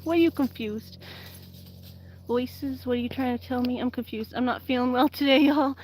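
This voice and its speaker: In a farmyard garden, an animal channel host shovels compost and rambles to her live audience, peppering her talk with "like" and sounding allergy-sniffly. Her high voice is steady and somewhat dark in tone, at normal speed, with a little hiss or hum in the background.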